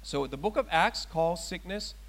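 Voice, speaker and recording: Preaching with emphasis, a middle-aged Thai pastor speaks at a normal speed in a slightly high, animated voice. He poses rhetorical questions to the congregation, his voice rising loud on the questions and scripture readings.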